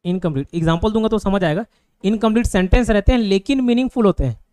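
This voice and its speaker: A man's voice: sits high, a little mellow, smooth, no echo. A man with an Indian accent teaching an online grammar lesson. He explains step by step and keeps asking his students whether they follow. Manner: explains slowly, with many checking questions.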